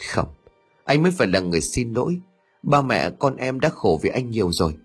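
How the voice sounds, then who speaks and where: A man's voice: medium pitch, big pitch swings, fairly quick, husky, faint music behind. A man voicing a guilt-ridden husband and desperate father who speaks urgently. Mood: remorseful. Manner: urgent, distraught.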